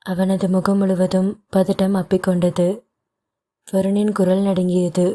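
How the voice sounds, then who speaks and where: A woman reads an audio novel aloud in a measured storytelling manner. Her voice is mellow and warm, at a middle pitch for a woman. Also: completely flat delivery. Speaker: narrator.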